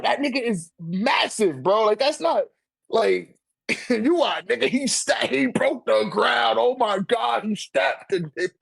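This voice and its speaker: A man with a high, gravelly voice argues animatedly in a casual debate over manga rankings, full of slang and swearing. There's no echo on the recording.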